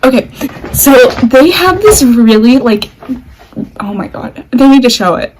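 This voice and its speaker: A woman's voice: high-pitched, expressive, unhurried, a little mellow, slight background noise, rough recording. A young woman chatting casually with friends, giggly and dramatic, full of exclamations. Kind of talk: casual chat.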